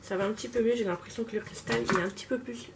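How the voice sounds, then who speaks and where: A woman's voice: on the high side, steady tone, rapid-fire. Chatty woman doing her makeup on camera. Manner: chatty, self-mocking, talks while working. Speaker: beauty vlogger. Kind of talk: casual makeup tutorial chat. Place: home, at a makeup table. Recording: distant mic with clear room noise.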